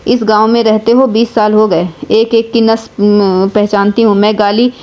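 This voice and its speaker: A woman reading the lines of a fierce, sharp-tongued village wife and mother in a heated, scolding manner. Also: medium pitch, flat delivery, normal speed, dull audio, close to an everyday voice. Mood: angry.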